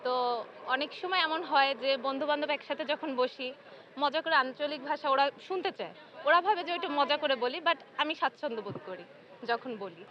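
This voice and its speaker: A young woman from Barishal talks about her home region in a relaxed, cheerful street interview. Her voice sits high. The sound is muffled, with a faint crowd and some noise behind her outdoors. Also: moderate pace. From Barishal, Bangladesh. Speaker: interviewee at a book fair. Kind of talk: casual street interview answer. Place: outdoors at a busy fair.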